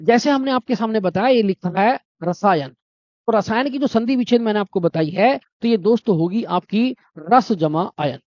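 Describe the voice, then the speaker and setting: A man's voice: sits high, animated, moderate pace, a little mellow, no room sound, muffled recording. A male teacher giving an exam-prep grammar lesson, repeating answers and quizzing the viewer with rhetorical questions.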